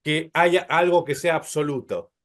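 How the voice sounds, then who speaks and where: A man's voice: fairly high pitch, a little slow, a bit bright. A man teaching a Hebrew class, explaining patiently, calling his listeners brothers and checking often that they follow.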